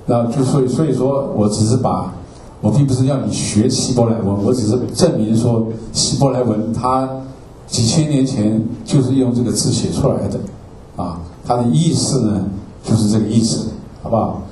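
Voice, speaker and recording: A man's voice: mid-range voice, moderate pace, mellow, a little hiss or hum. A man teaching a Bible class from slides, explaining word by word, repeating himself and often checking in with "okay?". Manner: repetitive, explanatory, ends phrases with "ah" and asks "okay?". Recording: roomy, distant mic with faint ambience.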